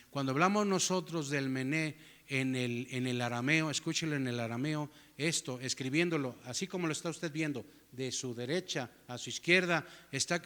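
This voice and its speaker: A man's voice: mid-range voice, sharp tone, long reverb tail. A male pastor giving a sermon in a church, often asking the congregation rhetorical questions to keep them following. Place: church sanctuary.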